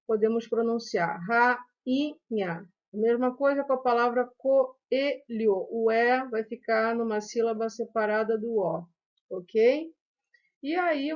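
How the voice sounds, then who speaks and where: A woman teacher with a Brazilian Portuguese accent giving a recorded review lesson to children, explaining slowly and patiently and often checking with "né?" and "ok?". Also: a little high, a little mellow. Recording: dull lo-fi sound.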